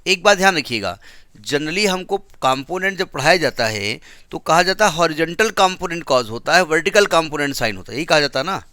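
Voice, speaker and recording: A male physics teacher with an Indian English accent lectures step by step and keeps quizzing his class. His voice is bright and a little high. The sound is dry and close. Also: lively intonation, fairly quick, no echo. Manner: explains step by step, asks the class questions.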